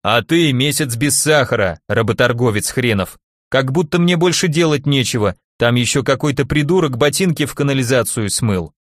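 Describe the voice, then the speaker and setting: A gruff, weary watchman who grumbles and bellows at the boys, put on by a man reading a fantasy audiobook. The voice sits at an ordinary male pitch and is recorded dry and close, with no room around it. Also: lively intonation, normal speed, no room sound, natural voice.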